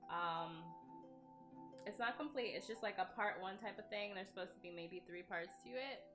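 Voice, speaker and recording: A young woman with a mid-range voice talks at a normal speed, hosting a playthrough of a game she developed. Her let's play commentary is casual, rambling and self-deprecating, full of giggles, with game music behind her.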